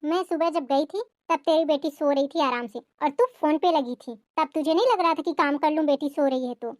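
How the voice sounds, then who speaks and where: Cartoon mother-in-law, middle-aged and harsh, keeps scolding; a woman voices her high and dry. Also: normal speed, no echo, lightly acted. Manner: scolding, accusing. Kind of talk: cartoon family drama voicing.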